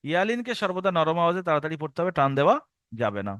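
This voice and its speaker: A man's voice: fairly high pitch, very animated, racing, fairly bright tone, dry recording, lo-fi sound. A man teaching Quran reading to adults in a recorded lesson. He patiently repeats each rule for learners to memorize and draws out the syllables as he spells them.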